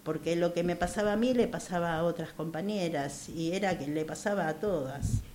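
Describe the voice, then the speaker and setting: A woman in her sixties with an Argentine accent, speaking earnestly as a radio interview guest, repeating phrases and pausing to hesitate. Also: lowish voice, a little mellow, slight background noise. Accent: Argentine Spanish. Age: 60s. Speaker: guest, activist for older women.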